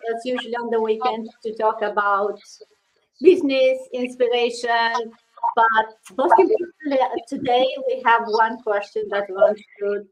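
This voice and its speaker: A woman hosting a live stream, upbeat and halting with many restarts. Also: a little high. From Romania. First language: Romanian. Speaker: host of a business live stream. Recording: muffled lo-fi stream audio.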